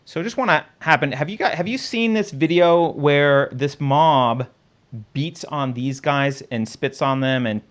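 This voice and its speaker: A man hosts a political talk show, casually walking through video footage and pointing things out on screen, often restarting his sentences. His voice is a little high and his pace unhurried.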